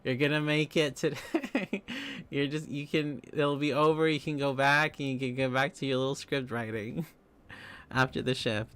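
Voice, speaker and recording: A man's voice: mid-range voice, flat delivery, normal speed, a bit bright, clear, resonant tone. A young man streaming live, chatting casually with viewers, giggling often and rambling through restarts.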